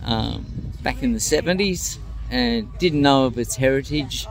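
Australian man, sixties, mid-range pitch, car owner, casual interview, outdoors. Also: a little slow, gravelly.

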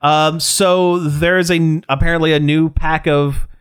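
A man's voice: a little high, little pitch movement, slow, clear, resonant tone. A man co-hosting a podcast, talking casually in a rambling way, often restarting his sentences. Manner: rambling, restarts, reads aloud. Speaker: podcast co-host. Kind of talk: casual chat.

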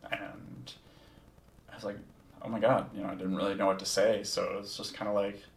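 A man's voice: deep voice, monotone, fairly quick, vocal fry. A man telling a personal story in a casual, candid way. He is reflective, swears freely and uses plenty of ums. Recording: echoey room, distant from the mic.

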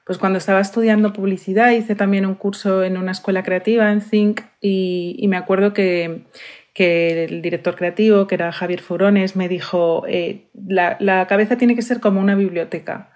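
A woman with a Madrid Spanish accent chats as an interview guest. She thinks aloud, pausing on fillers and restarting her sentences, and her pitch sits in an ordinary middle range. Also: steady tone, darkish tone. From Spain. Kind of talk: casual interview chat.

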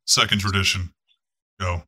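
A man's voice: low voice, steady tone, normal speed, sharp tone, slightly rough. A man narrating a tabletop game as game master, casual and profane, with frequent fillers.

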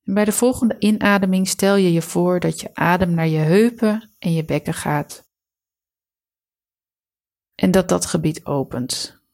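Female meditation guide: lower register, noticeable vocal fry, calm and soothing, measured relaxation instruction.

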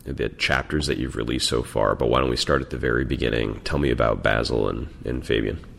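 A man's voice: a bass voice, steady tone, fairly quick, gravelly, a bit bright, a little hiss or hum. A man hosting a podcast, asking questions in a hesitant, chatty way, often restarting words and laughing. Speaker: podcast host. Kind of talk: casual interview chat.

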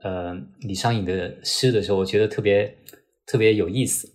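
Low-pitched Chaoshan man, podcast guest. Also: fairly even intonation, moderate pace, a little mellow. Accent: Chaoshan (Teochew). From Chaoshan, southern China. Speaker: guest, novelist. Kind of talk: casual conversational interview.

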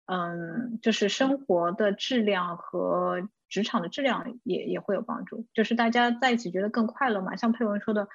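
A woman, a game industry executive, speaking in a measured way on a podcast and pausing often with hums. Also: mid-range voice, vocal fry, dry recording. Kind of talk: podcast conversation. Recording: dry, dull lo-fi sound.

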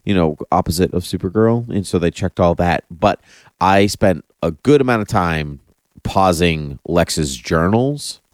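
A man's voice: sits low, animated, measured pace, dry recording, studio quality. A man hosting a casual, enthusiastic chat, repeating phrases for emphasis. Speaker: podcast host. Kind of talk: casual chat about comic-book TV.

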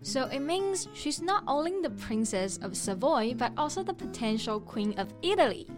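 A woman's voice: high-pitched, big pitch swings, normal speed. A woman co-hosting a bilingual language lesson, explaining word meanings step by step. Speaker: co-host and English teacher. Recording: faint music underneath.

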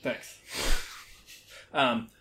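A man's voice: drawn-out words, pushed and bright. A man in his forties calling in to a podcast, talking casually and hesitantly, with many ums and restarts. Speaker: podcast caller. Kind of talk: casual chat.

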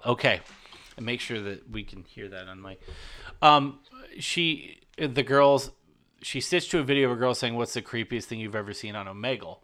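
A man's voice: medium pitch, normal speed, a bit bright. A man hosting a podcast, telling a story in loose, casual chat with frequent swearing. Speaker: podcast host.

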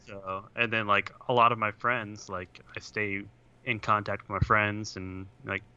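Speaking unhurriedly in a fairly low, smooth voice that's bright and forceful with a level tone, this young man co-hosts a podcast via video call on his computer. The audio is dull and keeps breaking up, and his casual chat rambles, full of "like" and "uh".

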